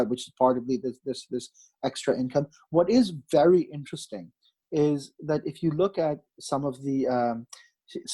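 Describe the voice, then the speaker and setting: On a podcast, a Pakistani-born market strategist in his late thirties answers interview questions at length, often restarting phrases or adding fillers. His mellow, dark voice sits at a middling pitch with a breathy edge. The recording quality is low.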